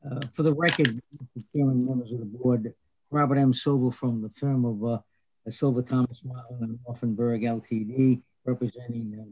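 A man testifies as an attorney before a public board, his words reaching us over a crackly call line that fades in and out. His voice is husky and dry, with no room around it. He stays formal and courteous, often pausing on a hesitant "uh". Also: medium pitch, a little mellow, no room sound. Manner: polite and formal, with frequent hesitant "uh"s. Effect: crackly remote call audio that fades in and out. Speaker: attorney representing an applicant. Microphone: remote call-in line.

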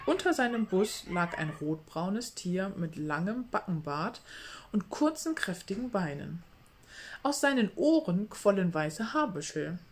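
A woman calmly reading a children's book aloud. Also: mid-range voice, measured pace, slight background noise.

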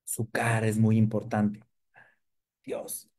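Lively sales trainer. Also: male voice, mid-range voice, normal speed. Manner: lively, jokes and quizzes the audience. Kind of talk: live sales training demonstration.

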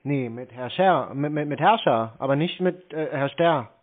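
A scambaiter with a fairly high-pitched voice keeps a moderate pace while ribbing a scammer on the phone. His tone is sardonic and needling, and the audio is tinny and narrow.

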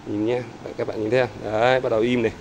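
A man's voice: mid-range voice, little pitch movement, racing, slight background noise. A man chatting casually to his viewers outdoors by bird cages, repeating little "there" words as he points things out. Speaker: bird-keeping vlogger. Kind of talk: casual talk to camera viewers.

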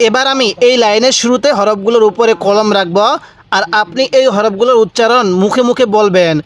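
Male teacher, high-pitched, patient step-by-step letter lesson with call-and-repeat drills. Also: a bit bright. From Bangladesh. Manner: slow, repeats each letter and asks listeners to say it back. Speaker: Quran reading teacher.

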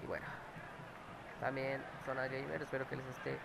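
With vocal fry and a completely flat delivery, a medium-pitched man with a Mexican accent chats casually through his own gameplay at normal speed, swearing at the plays. He has a cold, speaks into a clip-on mic near his mouth, and there's background noise.

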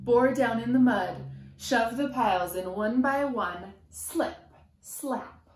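A preschool teacher in her thirties reads aloud to young children with a rhythmic, sing-song delivery, stressing sound words. Her voice is fairly high and slow. She's recorded in a small room at home by a camera a few feet away, giving a roomy echo and a little hiss or hum.

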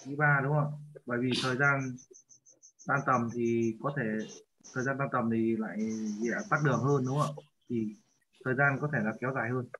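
A man's voice: mid-range voice, fairly even intonation, fairly quick, bright, forceful tone. A male language teacher leading an online class, patiently checking students' answers over a video call. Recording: muffled lo-fi audio with faint hiss.

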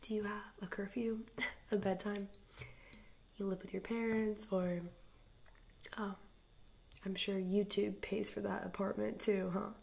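A woman's voice: medium pitch, flat delivery, a little slow, creaky, pauses often, darkish tone, slight background noise. A young woman playing a snooty popular girl in an ASMR role-play, with a mock-sweet, snippy, condescending manner. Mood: snippy, suspicious. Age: young adult. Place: small indoor room, seated before camera.

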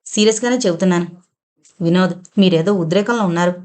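A woman's voice: fairly low pitch, fast, darkish tone, lightly acted. A woman voicing a shamed, sorrowful young village woman who pleads earnestly in an audio novel. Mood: earnest pleading.

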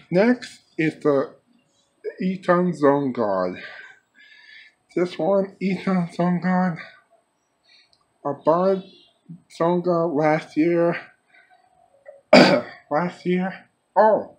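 A vlogger casually shows off his weather radio collection in a small bedroom, speaking in a halting, repetitive, plain-spoken way. His voice is on the high side and slightly rough. He holds the camera himself, and the audio is noisy.

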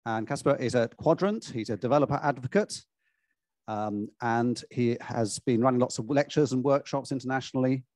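A man's voice: medium pitch, normal speed, a little mellow, dry recording. A British man hosting a conference session, introducing the next speaker casually with frequent ums. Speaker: session host.

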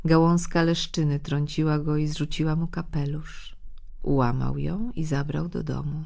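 A woman narrating a fairy tale audiobook, reading gently and expressively and lending her voice to the characters' lines. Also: low voice, vocal fry. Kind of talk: storybook narration.

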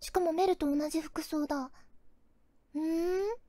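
Young woman streamer, very high voice, slow, unhurried delivery between panicked shrieks during a horror game. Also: fairly even intonation, dark tone, dry recording. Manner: panicky, shrieking at scares, repeating words. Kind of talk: horror game let's play.

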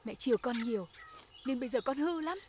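Brief: middle-aged mother, fairly high voice, firm. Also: lively intonation, brisk, dark tone, slight background noise. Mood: scolding. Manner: scolding, firm. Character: stern but caring village mother. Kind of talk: TV drama acting.

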